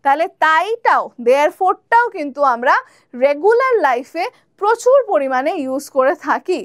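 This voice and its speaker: A woman teaching spoken English, slowly modelling pronunciations and asking viewers to repeat after her. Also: sits high, very animated, no room sound, clean studio sound. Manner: slow, drawn-out model pronunciations, then quick explanations; addresses viewers directly, asks them to repeat and comment.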